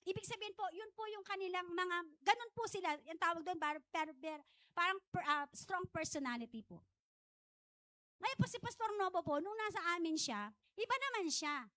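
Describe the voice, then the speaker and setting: A woman's voice: very high-pitched, pushed and bright, no room sound. A middle-aged woman pastor, preaching a conversational church sermon full of chatty asides. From Philippines. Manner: chatty, digressive preaching with frequent asides and self-laughter.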